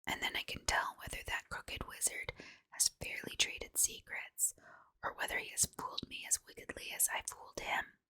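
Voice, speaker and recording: A spiteful, scheming old witch, acted by a woman mutters under her breath in whispered role-play. The storybook crone speaks in a very bright, breathy whisper. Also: moderate pace. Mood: scheming, eager.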